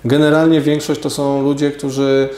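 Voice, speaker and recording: A man in his forties, a sports official answering radio interview questions in a measured, hesitant way with many fillers, in an office studio on a lapel mic. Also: fairly high pitch, little pitch movement, darkish tone. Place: office studio with glass table. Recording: roomy echo.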